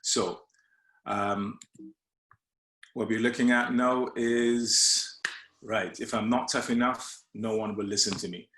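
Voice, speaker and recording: A man's voice: fairly low pitch, bright, forceful tone, roomy sound. A man from Barbados, a coach giving a friendly leadership presentation with slides, often hesitating with fillers and restarts.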